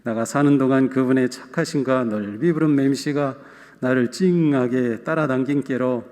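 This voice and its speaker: A man doing a rustic psalm reciter with a Jeolla drawl, playful and folksy, mid pitch, long church reverb. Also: moderate pace, darkish tone, lightly acted. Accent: Jeolla dialect, put on. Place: church sanctuary.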